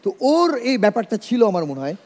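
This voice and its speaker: A man hosting a comedy talent show, loud and joking, with a Bangladeshi Bengali accent. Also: high-pitched, sing-song, brisk. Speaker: show host. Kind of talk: lively stage hosting. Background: music and studio audience.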